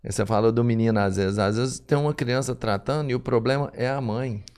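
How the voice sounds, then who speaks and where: A man hosting a podcast in relaxed conversation with a guest. He asks follow-up questions and adds his own everyday comparisons to check what he has heard. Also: medium pitch, brisk, clear, resonant tone. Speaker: podcast host. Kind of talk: casual interview chat.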